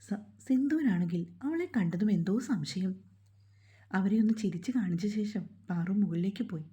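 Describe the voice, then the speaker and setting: A woman narrating a romance novel as a storyteller in a calm, even delivery. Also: medium pitch, moderate pace.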